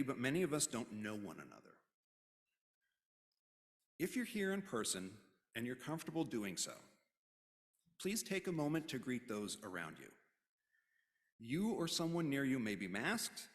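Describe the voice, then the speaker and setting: Joking man in a reverberant hall. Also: mid-range voice. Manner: joking, informal asides. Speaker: service leader. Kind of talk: conversational announcements at a religious service. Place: congregation's worship hall.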